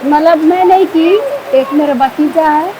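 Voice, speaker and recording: A young widow quietly recounting a killing she witnessed, speaking softly and haltingly and repeating herself. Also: sits high, background noise. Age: young adult. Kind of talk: tearful eyewitness account.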